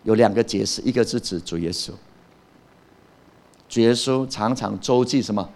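A man's voice: on the low side, normal speed, a little mellow. A man preaching a sermon as pastor, emphatic, often asking the congregation a question and answering it himself.

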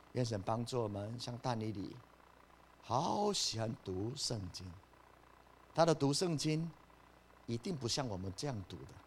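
A pastor delivers a sermon in a mid-range voice, with slight background noise audible. He shifts from soft asides to loud, rising emphasis, posing questions to his listeners and then answering them himself.

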